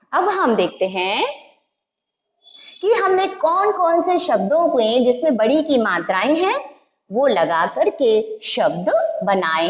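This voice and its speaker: A woman teaching young children, slow and patient, spelling out each syllable one by one. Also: a little high. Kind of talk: Hindi alphabet lesson for young children. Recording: echoey room, dull lo-fi sound.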